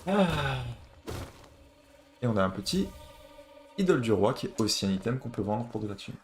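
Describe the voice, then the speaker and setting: A man's voice: mid-range voice, very animated, normal speed, faint music behind. A man from France with a French accent, giving casual let's-play commentary while swearing and chatting. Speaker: streamer.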